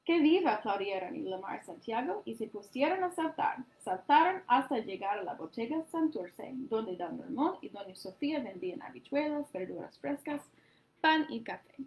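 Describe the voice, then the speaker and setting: Animated woman reading to children. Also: fairly high pitch, normal speed, rough recording. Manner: animated, addresses young listeners. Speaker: storyteller. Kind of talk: reading a picture book aloud to children.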